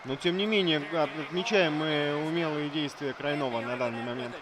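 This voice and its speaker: A man's voice: a little high, fairly even intonation, a little fast. A man co-commentating on an esports hockey match, adding analysis and running tactical tips in short phrases. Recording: crowd noise behind. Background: crowd noise.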